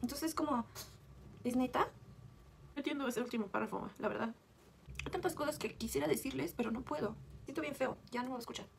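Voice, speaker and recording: A woman's voice: sits high, brisk, creaky, long pauses, slight background noise. A Mexican woman vlogger, upset and agitated, talking bluntly and swearing while reacting to a song. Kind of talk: emotional video confession.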